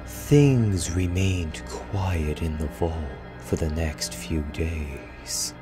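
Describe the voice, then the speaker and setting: A man giving a dramatic first-person horror story reading in a grave, deliberate manner, trailing off quietly at phrase ends. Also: deep voice. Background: faint music.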